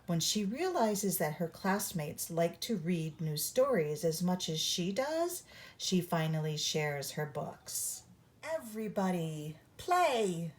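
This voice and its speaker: In a lowish voice, a storyteller reads a picture book to young children, phrasing it slowly and instructively so they can follow along.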